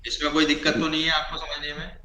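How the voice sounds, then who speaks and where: A man teaching an online class on ritual recitation, chanting Sanskrit formulas slowly and then explaining them. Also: on the high side, completely flat delivery, reverberant, a crowd in the background, low-quality recording.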